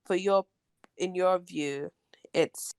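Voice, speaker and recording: Low-voiced woman asking questions. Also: clear, resonant tone, no room sound. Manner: questioning, halting restarts. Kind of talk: casual podcast chat.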